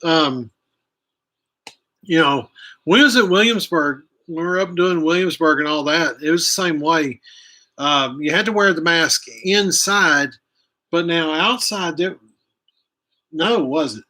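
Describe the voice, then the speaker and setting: A man's voice: a little high, unhurried, pauses often, bright, forceful tone. A man hosting a live stream outdoors, chatting casually and rambling, often stopping to correct himself. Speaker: host of a live outdoors channel. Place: outdoors, chilly. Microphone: camera he angles himself.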